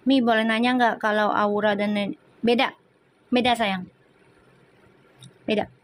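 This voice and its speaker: A woman's voice: a little high, fairly even intonation. A woman from Indonesia, a tarot reader chatting casually with viewers on a live stream, teasing and answering comments, slipping into short prayers. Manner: slips into singing and quick prayers.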